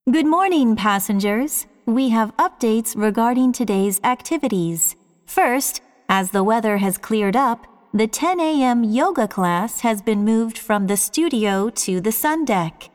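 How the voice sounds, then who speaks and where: A woman making a formal, measured announcement to passengers over a ship's intercom. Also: fairly high pitch, in a large hall. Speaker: cruise ship announcer. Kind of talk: scripted public announcement.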